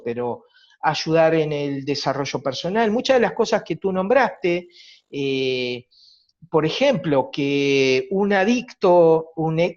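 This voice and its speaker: A man with a Uruguayan accent, a psychologist giving a reflective, explanatory talk at a virtual conference. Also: on the high side. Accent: Uruguayan Spanish. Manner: reflective, explanatory, rhetorical tag questions. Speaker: psychologist lecturer. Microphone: video call. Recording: dull lo-fi video call audio.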